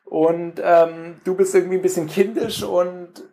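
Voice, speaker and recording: A man co-hosts a podcast in casual conversation, sounding hesitant and using many fillers, and he mimics other voices when quoting. His high, warm voice has little pitch movement and an unhurried pace.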